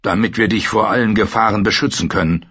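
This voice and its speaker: A man's voice: on the low side, fairly even intonation, fast talker, fairly bright tone, husky, no echo, highs cut off. A man voicing an earnest male warrior who is sworn to protect, speaking dutifully.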